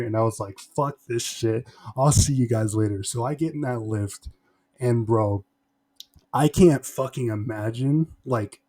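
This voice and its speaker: Young male vlogger, mid-pitched, casual storytime delivery, slangy and profane, leaning hard on key words. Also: dark tone. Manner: slangy, heavy swearing, emphatic word stretches. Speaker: vlogger telling a personal story.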